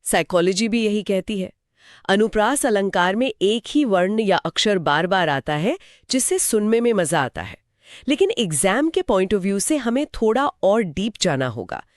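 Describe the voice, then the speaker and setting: Woman, exam lesson explainer; even, clear, patient; dry close mic. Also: mid-range voice, a little slow, no echo. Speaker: co-presenter explaining grammar. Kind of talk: scripted two-voice exam lesson.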